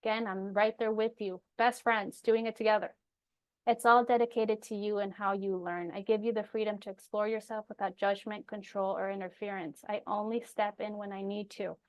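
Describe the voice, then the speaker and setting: A woman with a medium-pitched voice talks as a coach presenting her own program. Her delivery is casual and personal, encouraging the listener and leaning on certain words for emphasis. She sounds informal and reassuring throughout. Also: flat delivery, normal speed, clean tone.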